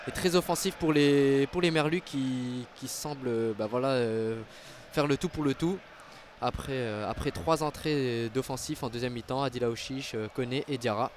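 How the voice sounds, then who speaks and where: A man giving live football commentary as a match commentator, getting excited at big moments. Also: mid-range voice, slight background noise.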